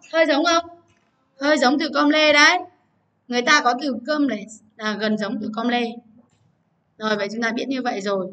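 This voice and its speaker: Her voice sits on the high side with a sharp edge, captured from a distance. In an online lesson she teaches children English word stress, repeating the words and pressing her pupils to hurry and get them written down.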